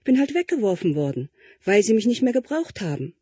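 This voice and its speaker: A man putting on a small, resigned child's voice for a storybook tale, raised high and husky. The child sounds plain and wistful, and the dry, close recording keeps every breath near. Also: big pitch swings, brisk, warm tone, dry recording, exaggerated voice.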